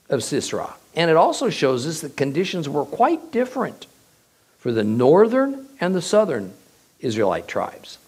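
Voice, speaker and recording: A man giving a verse-by-verse Bible teaching, reading the passage aloud and then explaining it with emphatic, drawn-out phrasing. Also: fairly high pitch, breathy edge. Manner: expressive, emphatic delivery with drawn-out pauses.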